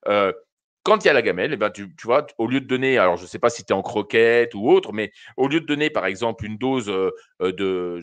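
A man's voice: medium pitch, fairly bright tone, dry recording. A man hosting a live call-in show on dog training, giving casual advice to viewers with many fillers and restarts. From France. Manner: hesitant, many fillers and restarts, addresses callers familiarly.

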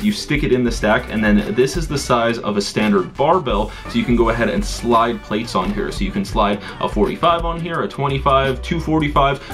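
A young man who coaches fitness, chatting to camera in a room at home as he shows items from his gym bag, upbeat and using his hands as he talks. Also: fairly low pitch. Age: young adult. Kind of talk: casual gear walkthrough to camera. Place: bedroom with couch, indoors.

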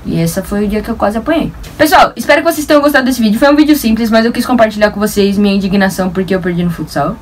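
A young woman with a São Paulo Brazilian accent, telling a story to camera in an animated, slangy, self-mocking way. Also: medium pitch, racing, hardly any pauses, recorded from a distance. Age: young adult. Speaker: vlogger.

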